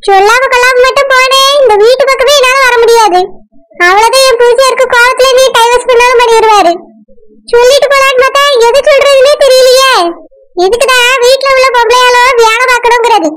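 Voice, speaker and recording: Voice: very high-pitched, steady tone, fairly quick, fairly bright tone. A performer voicing a scheming young village wife in a cartoon, with a Tirunelveli Tamil accent and a fretful, pleading way of talking. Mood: fretting. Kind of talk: cartoon voice acting.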